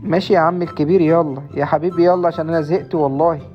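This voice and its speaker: A woman's voice: sits low, fairly even intonation, muffled recording, soft background music, natural voice. A woman playing a fed-up Egyptian man. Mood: exasperated. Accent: Egyptian Arabic. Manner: exasperated, pleading, rapid-fire. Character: fed-up adult man minding a boy. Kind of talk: comedy sketch acting.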